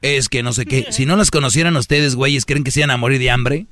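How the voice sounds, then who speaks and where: Teasing radio host, dry studio sound. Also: male voice, mid-range voice, quick pace, a bit bright, dry recording. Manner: teasing, slangy, mock-scolding. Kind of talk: comedic radio monologue.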